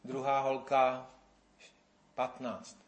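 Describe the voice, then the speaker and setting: Fifty-something preacher. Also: male voice, medium pitch. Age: 50s. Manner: animated, rises and falls in loudness, acts out quoted voices. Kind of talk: sermon.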